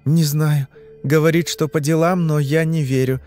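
A man voicing a frightened young woman under hypnosis in an audiobook, answering in short, halting phrases. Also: a little high, fairly even intonation, a little mellow, faint music behind, pitched above the performer's own voice, close to an everyday voice. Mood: uneasy. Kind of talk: audiobook reading.

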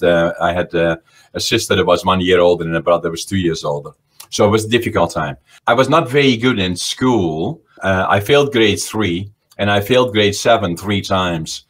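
Older Dutch-born man, 80s, deep and low, hesitant storyteller on a video call. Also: fairly bright tone. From Netherlands. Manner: halting, with many fillers and restarts. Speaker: interview guest, Holocaust-era survivor. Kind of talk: remote interview recollection. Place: small home office indoors. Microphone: video call webcam.

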